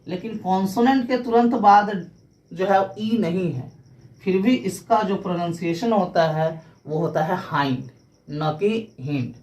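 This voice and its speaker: A woman's voice: medium pitch, measured pace, a little mellow. A woman teaching English pronunciation, explaining rules step by step and spelling words out letter by letter.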